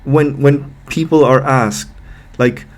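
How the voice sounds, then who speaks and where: A man commenting on a video clip, exasperated and sarcastic, swearing and slowing down to hammer his points. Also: mid-range voice, fairly even intonation. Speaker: political commentator.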